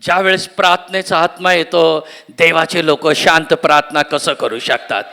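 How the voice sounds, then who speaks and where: Bright, high-voiced preacher. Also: male voice, steady tone, moderate pace, vocal fry. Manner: asks the congregation questions and repeats key words. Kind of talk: Marathi sermon. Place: church conference hall.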